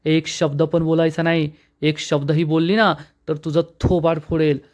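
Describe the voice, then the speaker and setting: A man doing a furious aunt who scolds and accuses without pause. The voice is pushed up high and sharp for her. The rant is harsh and relentless. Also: little pitch movement, close to an everyday voice. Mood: angry, accusing. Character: angry scolding middle-aged aunt, woman.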